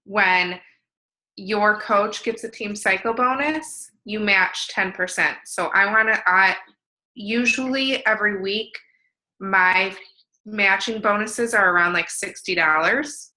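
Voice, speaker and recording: Woman co-host, bright sharp tone, enthusiastic explainer. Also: medium pitch, slow, low-quality recording. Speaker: team call co-host. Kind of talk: casual conference call.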